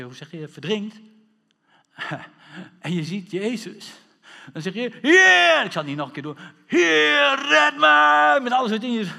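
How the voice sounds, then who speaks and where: A man preaching a sermon, animated, full of rhetorical questions and bursts of shouting. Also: fairly high pitch. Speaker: pastor. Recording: long hall reverb.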